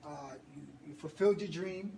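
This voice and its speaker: The coach's voice is high, gravelly, and a little fast as he energizes his fitness group, hyping them up and laughing often throughout the motivational talk. The sound is distant, roomy, and full of noise.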